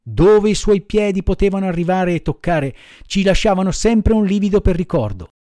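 A man's voice: high-pitched, animated, moderate pace, dark tone, no echo, studio quality. A man reading a children's classic aloud, telling the story expressively. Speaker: audiobook reader. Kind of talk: storybook narration.

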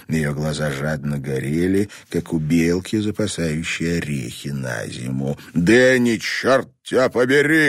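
A man narrating an audiobook in an even, measured way. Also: extremely low pitch, no echo, clean studio sound. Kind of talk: audiobook reading.

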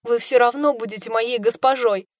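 Lady doing a weepy young servant girl, high and pleading, real devoted. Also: steady tone, moderate pace, no room sound, studio quality, lightly acted. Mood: sobbing. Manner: sobbing, pleading.

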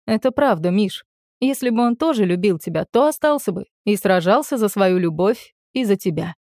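In a storybook reading, a woman voices a young man: a blunt, growling, protective older brother in a stern mood. Her medium-pitched voice is expressive and darkish at a moderate pace, close to an everyday voice, recorded dry with clean studio sound.

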